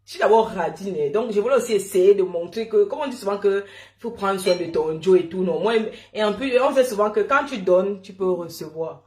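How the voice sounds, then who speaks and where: A woman's voice: mid-range voice, fairly quick, echoey room, slight background noise. Chatty woman telling a story. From Cameroon. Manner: lively and chatty, often laughing, calls listeners "mon frère". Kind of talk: casual storytelling to camera.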